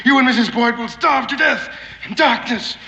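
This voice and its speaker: A fanatical English zealot. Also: male voice, very high-pitched, moderate pace, gravelly, sharp tone, heavily acted. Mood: haughty. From England. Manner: grandiloquent, dramatic storytelling, formal diction. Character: zealous English gentleman, sun god cultist, theatrical. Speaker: fanatical Englishman guarding Aztec gold. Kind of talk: 1960s TV western drama. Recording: echoey, dull 1960s TV soundtrack.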